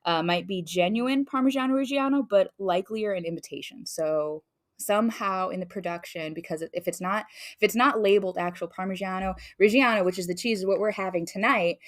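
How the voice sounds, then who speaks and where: A brisk, medium-pitched woman co-hosts a podcast, chatting casually while tasting cheese. She rambles, using lots of fillers and restarts.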